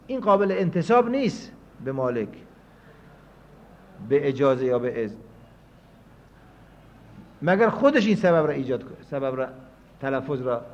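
A man teaching a scholarly lecture, reasoning aloud and moving between quiet stretches and emphatic points. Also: on the high side. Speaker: seminary teacher. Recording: dull lo-fi lecture recording.

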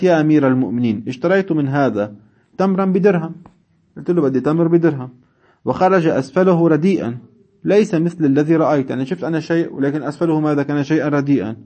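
A man's voice: on the high side, fast, a little mellow. A man teaching a seminary class, reading classical texts and explaining them in dialect with chuckling asides. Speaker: religious studies teacher.

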